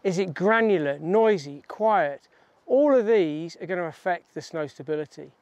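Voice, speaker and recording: A middle-aged man, a mountain guide giving clear, upbeat instructions outdoors. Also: high voice, lively intonation, moderate pace, a little mellow, no echo, lo-fi sound.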